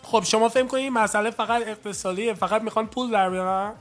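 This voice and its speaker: A man from Iran hosts a call-in radio program, speaking. He talks in a loose, chatty way and keeps slipping English phrases into what he says. His voice sits high for a man, and faint music plays behind him. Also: fairly even intonation, fairly bright tone. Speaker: radio show host.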